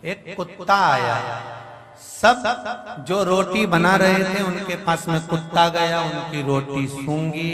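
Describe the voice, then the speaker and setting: A man's voice: on the high side, slow. A man preaching a devotional sermon, telling stories, speaking straight to his listeners and breaking into song. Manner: storytelling, addresses listeners directly, breaks into song. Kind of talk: devotional sermon with sung verses. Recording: echoey hall with music behind.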